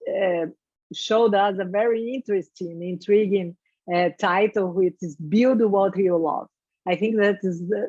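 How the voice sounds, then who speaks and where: A woman with a Brazilian Portuguese accent, a Portuguese native speaker, formally welcoming and introducing a guest speaker, halting with many repeated words and restarts. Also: on the low side, dark tone, dry recording. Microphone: video call. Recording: dull lo-fi video call audio.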